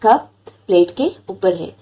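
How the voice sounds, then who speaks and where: A woman teacher with a Pakistani accent talks very slowly and carefully, drawing out each word. Her voice is dark and a little husky, and she spells out simple words one letter at a time. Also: mid-range voice, expressive, rough recording. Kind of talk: classroom lesson, mixing Urdu and English.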